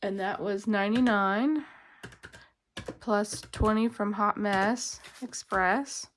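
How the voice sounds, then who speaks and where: A woman's voice: medium pitch, slow, a little hiss or hum. A woman chatting casually while she counts cash, rambling with lots of fillers and congested from a cold. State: congested, coughing. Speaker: budgeting vlogger.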